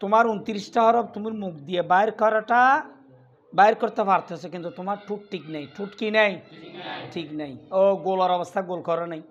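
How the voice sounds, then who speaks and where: A man's voice: sits high, steady tone, fast talker. A male Quran recitation teacher leading a class lesson, repeating drills and asking questions he answers himself. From Bangladesh. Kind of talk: classroom lesson with call and response. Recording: dull lo-fi sound with faint noise.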